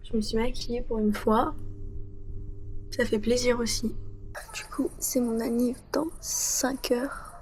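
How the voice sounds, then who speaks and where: A woman's voice: on the high side, fairly even intonation, takes it slowly, pauses often, darkish tone, a little hiss or hum. A woman of twenty chatting casually and rambling in a bubbly way as she films her own vlog. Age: 20s. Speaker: vlogger.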